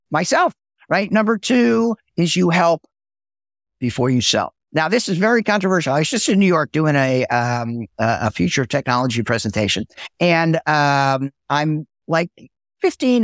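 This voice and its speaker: A middle-aged man, a podcast guest from sales, chatting casually and telling lively stories. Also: fairly high pitch, dry recording, clean studio sound. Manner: animated storyteller, lively and talkative. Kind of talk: casual interview chat with storytelling.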